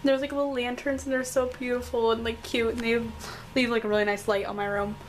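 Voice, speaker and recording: A teenage girl, hoarse from a cold, chatting apologetically with lots of fillers as she films a tour of her bedroom. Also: fairly high pitch, flat delivery, quick pace, slight background noise, low-quality recording. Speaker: vlogger. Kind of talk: casual room tour vlog. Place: bedroom at home.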